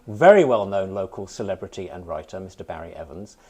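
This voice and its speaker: A man's voice: deep voice, lively intonation, fairly quick, a little mellow. An English man hosting a casual chat over tea in a visitor center, chatty, jokey and welcoming. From England. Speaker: host.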